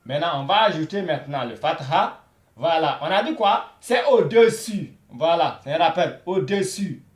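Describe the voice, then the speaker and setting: Guy teaching beginner arabic, high voice, slow and repetitive, echoey room. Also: expressive. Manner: slow, repetitive, says "voilà" often. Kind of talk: beginner language lesson.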